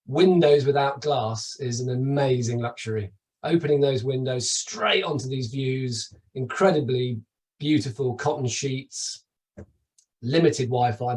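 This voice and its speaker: A man's voice: mid-range voice, a little mellow, distant mic, low-quality recording. A middle-aged man from the UK giving a chatty, enthusiastic webinar presentation over slides, with asides and restarts. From United Kingdom. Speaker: travel company presenter.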